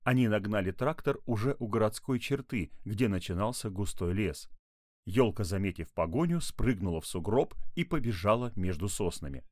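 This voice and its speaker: A man with a low voice reads a playful children's tale with very animated, expressive delivery. The recording is dry and close, with no room sound. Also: normal speed, no room sound. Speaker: storyteller. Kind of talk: scripted narration of a children's tale.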